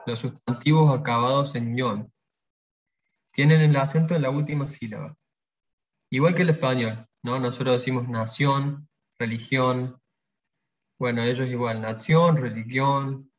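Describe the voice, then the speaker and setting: A man leads a pronunciation workshop. He talks in a calm, explanatory way and says each example word twice. His voice sits at a middle pitch, and the recording sounds muffled and lo-fi. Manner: patient, explanatory, pauses to repeat example words. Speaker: language workshop teacher. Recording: dull lo-fi sound.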